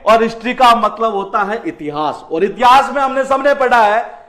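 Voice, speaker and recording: High-voiced teacher in echoey room. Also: male voice, a bit bright. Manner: repetitive, explains with rhetorical questions. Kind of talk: exam-prep vocabulary lesson.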